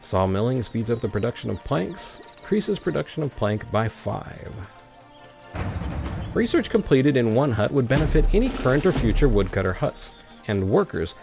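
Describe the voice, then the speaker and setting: With music underneath, a man provides let's play commentary on a game and reads its story narration aloud. His medium-pitched voice is creaky, swings widely in pitch, and moves at a normal speed.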